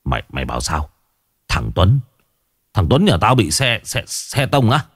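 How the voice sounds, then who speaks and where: A man voicing a gruff middle-aged village husband, who talks curtly and coarsely. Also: a bass voice, very animated, unhurried, dry recording, clean studio sound, voice pushed down, full character voice. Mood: shocked. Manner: curt, dismissive and coarse.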